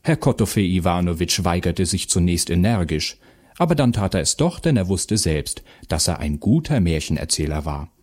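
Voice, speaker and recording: A man narrating a children's fairy tale aloud in a slow, expressive storytelling manner. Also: sits low.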